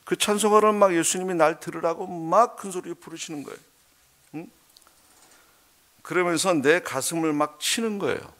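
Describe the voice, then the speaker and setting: A middle-aged man, a missionary, preaching a heartfelt testimony sermon in church, dropping to hushed murmurs and then rising to loud, emphatic bursts. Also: high-pitched, moderate pace, pauses often. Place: church sanctuary.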